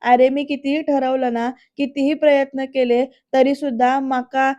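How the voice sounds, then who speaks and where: A woman's voice: sits high, level tone, a little slow, warm tone, dull audio. A woman reading the lines of a tearful, heartbroken young man in a serial recap. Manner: pleading, choked with emotion.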